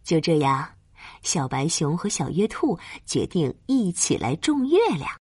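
A woman narrating a bedtime story for small children in a gentle, breathy, dramatized way with drawn-out phrasing. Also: low voice, very animated, no echo, clean studio sound.

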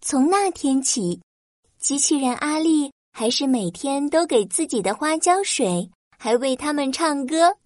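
A woman's voice: high voice, animated, unhurried, darkish tone, dry recording, studio quality. A woman reading a scripted children's story as its narrator.

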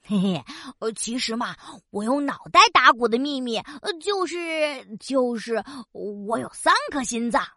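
Bright, high, showy cartoon octopus magician. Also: female voice, expressive, a little slow, few pauses, no echo, clean studio sound, full character voice. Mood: sheepish. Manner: theatrical, exclamatory, giggly. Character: cheerful showy octopus magician, excitable and easily scared. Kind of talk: children's audio story acting.

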